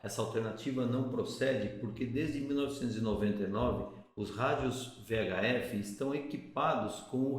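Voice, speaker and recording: A man with a Brazilian accent and a mid-pitched voice teaches in a didactic, orderly manner. He lays out each point methodically, as an instructor does. The recording is strongly reverberant, with heavy room echo around the voice. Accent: Brazilian Portuguese. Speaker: boating instructor. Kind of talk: explanatory lesson with exam questions.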